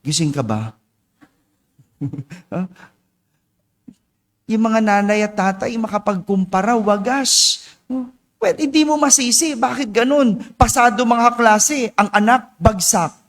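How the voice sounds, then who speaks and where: A male priest giving a homily at morning mass, chatty and teasing the congregation with quick asides. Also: high voice, lively intonation. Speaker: parish priest. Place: church. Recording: long church reverb.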